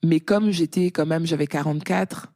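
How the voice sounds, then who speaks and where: A middle-aged woman guest talking casually in an interview, a lively storyteller whose voice rises when she quotes others. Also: low-pitched, moderate pace. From France.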